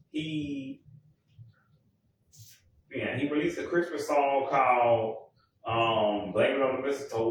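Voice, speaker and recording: A man rambling in a casual monologue, often correcting himself and filling pauses. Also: medium pitch, a little hiss or hum. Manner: rambling, self-correcting, many fillers. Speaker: music vlogger. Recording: echoey room, mic far off.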